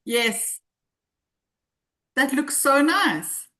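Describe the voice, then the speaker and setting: A woman's voice: high-pitched, lively intonation, drawn-out words, sharp tone. A woman making casual chat as a co-host on a livestream. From South Africa.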